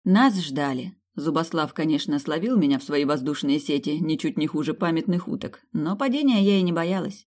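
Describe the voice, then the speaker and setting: A woman reading a humorous fantasy audiobook in first person, lively and ironic. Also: low-pitched, moderate pace, hardly any pauses. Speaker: audiobook narrator.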